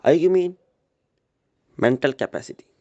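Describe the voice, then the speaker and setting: A man giving a prepared motivational speech at a school assembly, speaking earnestly and deliberately, straight to his listeners. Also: a little high, animated, darkish tone, muffled recording.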